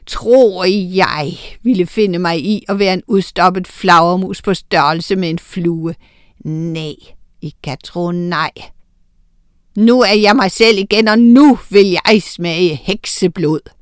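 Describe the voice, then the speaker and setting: A woman voicing a menacing male villain surrounded by bats, in a storybook reading, speaking in slow, gloating threats. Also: lowish voice, clear, resonant tone, dry recording, clean studio sound, lightly acted.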